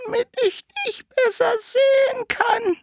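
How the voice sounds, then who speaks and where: A man voicing a wolf who fakes an old grandmother's voice in a storybook, with a squeaky, wailing falsetto. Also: steady tone, slow, vocal fry, no room sound, studio quality, heavily acted. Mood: shrill. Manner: squeaky, exaggerated, crying falsetto. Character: male wolf faking a shrill old granny voice.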